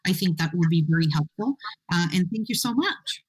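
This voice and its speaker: Lower-voiced woman hosting, halting and casual. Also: lively intonation, a little mellow, slightly rough. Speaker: livestream conference host. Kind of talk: casual, unscripted moderating. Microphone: internet call.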